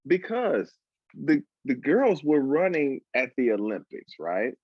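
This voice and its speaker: A man talks casually and jokes over a video call, his husky voice swooping up and down. The sound is dry and close, with the dull, lo-fi tone of call audio. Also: medium pitch, very animated, no room sound. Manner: joking, laughing, quick asides. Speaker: co-host joining by video call. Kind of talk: casual chat.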